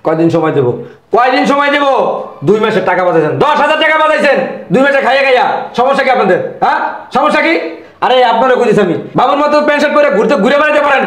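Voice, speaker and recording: Man playing a pushy shopkeeper, badgering, very high voice, echoey room. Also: lively intonation, very fast, a bit bright. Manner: badgering, scolding. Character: pushy shopkeeper man demanding unpaid credit. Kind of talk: amateur short-film acting.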